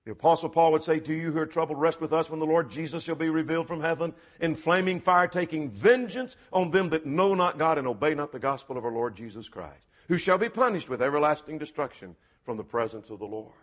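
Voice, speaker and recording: A man's voice: fairly high pitch, animated, fairly quick, hardly any pauses. A man preaching a sermon in an earnest, emphatic way, asking rhetorical questions as he goes.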